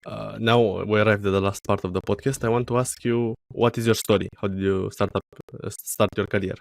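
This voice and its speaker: A man hosts a podcast interview, putting questions to his guest with hesitant restarts. His voice is low and gravelly, recorded dry and close. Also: fairly even intonation, fairly quick, dry recording. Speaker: podcast host.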